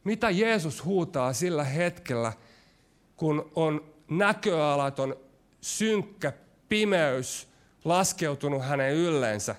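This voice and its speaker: A man preaching a sermon, his delivery shifting between quick, pressing stretches and slow, hushed lines. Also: fairly high pitch. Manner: varied delivery, rushing ahead then dropping to slow, hushed lines.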